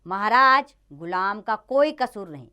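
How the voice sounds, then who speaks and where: A woman's voice: mid-range voice, expressive, unhurried, pushed and bright, clean tone. A woman voicing a humble male water-carrier protesting his innocence in a children's play reading.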